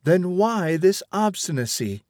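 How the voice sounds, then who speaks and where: A man's voice: sits high, very animated, unhurried, darkish tone, no echo, clean studio sound, pitched above the performer's own voice. A man reading aloud as a stern elderly woman devoted to the machine, who lectures with insistent rhetorical questions. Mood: reproachful. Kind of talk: audiobook reading.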